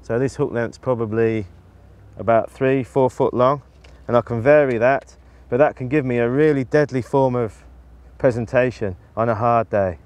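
A man in his forties talks through his tackle in a practical, explanatory way and often restarts his sentences. He is outdoors on a riverbank and recorded close on a lapel mic. His voice sits at an ordinary middle pitch. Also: normal speed, darkish tone. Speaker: match angler demonstrating tactics. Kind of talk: instructional talk to camera.

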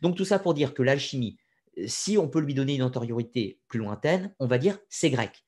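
Husky man giving a casual lecture. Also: medium pitch, expressive, normal speed, darkish tone. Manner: conversational, frequent hesitations, opinionated asides. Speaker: lecturer on occult history. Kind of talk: informal spoken lecture.

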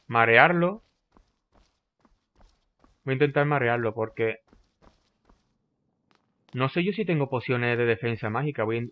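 Excitable man narrating his own gameplay. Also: mid-range voice, muffled recording. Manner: excitable, frequently repeating short phrases under pressure. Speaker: gameplay commentator. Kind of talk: live gameplay commentary.

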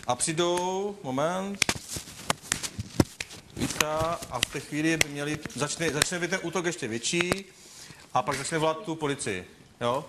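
A man's voice: on the high side, pauses often. A man leading an improvised role-play exercise, guiding participants with frequent restarts. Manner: guiding, with restarts and self-corrections. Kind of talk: instructing participants. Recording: loud background noise.

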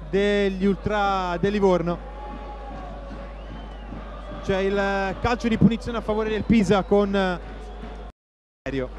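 High-pitched man calling football live. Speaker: football play-by-play commentator. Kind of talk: live football match commentary. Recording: noisy stadium broadcast with crowd. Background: stadium crowd noise.

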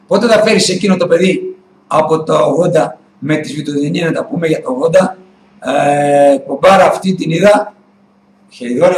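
Heated, swearing middle-aged man ranting. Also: a little high. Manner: heated, swearing ranter, mimicking dialogues. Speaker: web TV show host. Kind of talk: casual monologue, answering viewers. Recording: echoey room, faint ambient noise.

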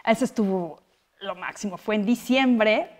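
A woman's voice: mid-range voice, measured pace, a little mellow. A middle-aged woman with a Mexican accent, an actress and guest in a casual interview, telling family stories with lots of filler phrases. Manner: chatty storytelling, frequent filler phrases.

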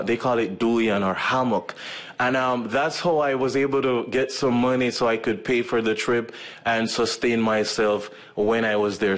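In an auditorium, in front of a stage curtain, a Jamaican man in his thirties gives a church audience a relaxed testimony about his life as a medical missionary. He uses a lectern stand mic, and his mid-range voice is peppered with ums and uhs.

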